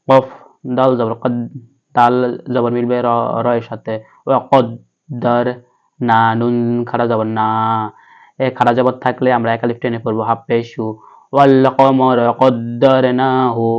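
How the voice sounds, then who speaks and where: A man's voice: medium pitch, clear, resonant tone, dull audio. Patient man spelling out Quran letters. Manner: spells letters and vowel marks one by one, then chants the verse slowly. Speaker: Quran teacher. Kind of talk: spelling-out Quran recitation lesson.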